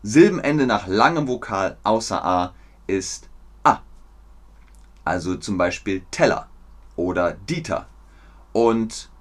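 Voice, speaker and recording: A man teaching German pronunciation on a live stream, repeating words with exaggerated care and answering viewers in the chat. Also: lowish voice. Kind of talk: live-streamed language lesson.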